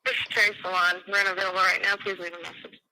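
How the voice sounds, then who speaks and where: Man's quick, bright voicemail greeting over the phone. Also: sits high, level tone. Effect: recorded voicemail greeting played over a phone line. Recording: distant phone-line playback.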